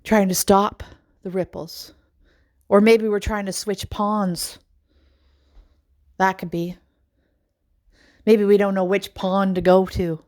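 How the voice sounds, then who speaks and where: A middle-aged woman, a life coach, musing aloud in a rambling personal monologue with sighs and pauses. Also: mid-range voice, little pitch movement, darkish tone.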